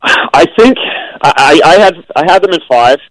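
A man, a former goaltender, giving hockey analysis over a phone line on a radio show, measured, with frequent ums and restarts. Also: on the high side, lively intonation, fairly bright tone, no echo.

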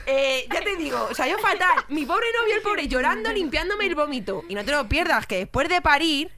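A woman's voice: high voice, animated, a little fast, crowd noise. A woman with a Madrid Spanish accent telling a story in casual chat, swearing, laughing and acting out quotes.

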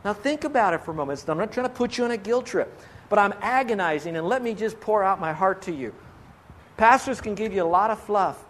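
A man's voice: sits high, expressive, brisk, a bit bright. A man preaching a sermon as pastor, earnest and pleading, asking his listeners rhetorical questions.

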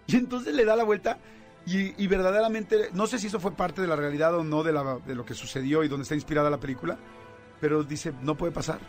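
A man with a Mexican accent hosting a radio show, telling a story in a lively way with lots of fillers. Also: fairly high pitch, fast talker, soft background music. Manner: animated storytelling with many fillers. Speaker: radio host. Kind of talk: casual radio chat.

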